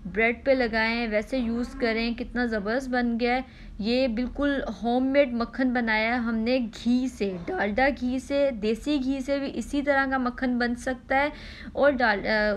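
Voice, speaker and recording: A faint noise floor runs under this high-pitched woman's voice as she demonstrates a home recipe for her cooking channel. Step by step and without rushing, she repeats her instructions and pauses often with a small "ah."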